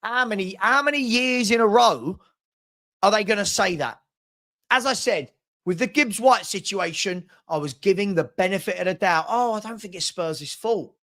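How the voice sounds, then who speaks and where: A man's voice: sits high, expressive, moderate pace, bright, forceful tone. A man in full angry rant as a fan-channel host. He sounds exasperated and emphatic, hammering phrases by repeating them, and slips into sarcastic mimicry of those he disagrees with.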